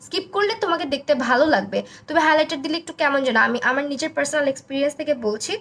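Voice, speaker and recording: A young woman from Bangladesh with a hoarse, broken voice, chatting through a live makeup tutorial and reading out viewer comments. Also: high-pitched, expressive, very fast, a bit bright.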